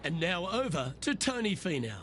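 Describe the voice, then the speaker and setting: A man's voice: high voice, sing-song, moderate pace, noisy background. A man speaking as a golf commentator, giving play-by-play as the lead announcer of a tournament broadcast. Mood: composed. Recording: loud crowd and outdoor ambience behind.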